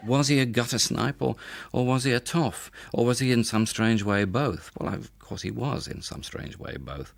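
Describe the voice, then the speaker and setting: Brief: deep gravelly interviewee, slow reflection. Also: male voice, no echo. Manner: considered, storytelling. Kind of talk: documentary interview.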